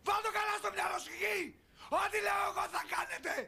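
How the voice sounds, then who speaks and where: An actor playing a middle-aged father, furious and domineering, shouting orders at his daughter in a film drama. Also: very high-pitched, gravelly, full character voice. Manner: shouting, authoritarian.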